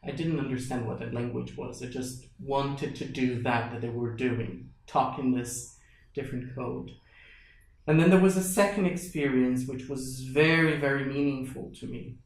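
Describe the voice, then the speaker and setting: Speaking at a medium pitch, a Portuguese-native guest recounts stories with lively energy during a relaxed interview, dramatizing what he once thought. The room echoes, and faint music plays in the background.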